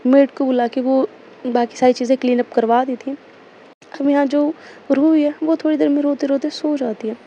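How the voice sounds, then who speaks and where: A woman tells a story in a loose, rambling way, often correcting herself and leaning on fillers. Her voice is high and mellow. The recording is dull and lo-fi with a faint hiss. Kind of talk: casual audio story narration.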